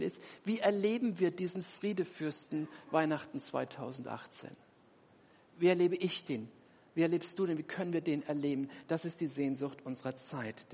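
A man's voice: fairly high pitch, husky. A man preaching a sermon, driving his points home with emphatic rhetorical questions. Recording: long hall reverb.

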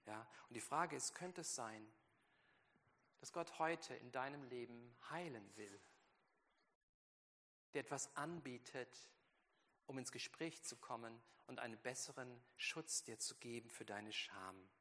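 A man's voice: medium pitch, unhurried, pauses often, bright, forceful tone. A man preaching a sermon with strong emphasis, acting out biblical quotes in a raised voice. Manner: emphatic, acts out quotes in a heightened voice. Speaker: pastor. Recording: long hall reverb.

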